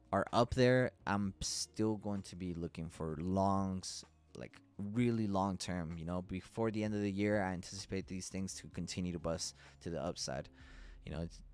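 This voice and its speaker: Male trading-stream host, lowish voice, relaxed profane chat, soft music bed. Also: clear, resonant tone. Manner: loose and chatty, swears casually, laughs often. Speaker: trading educator hosting a live stream. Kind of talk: casual live-stream market analysis.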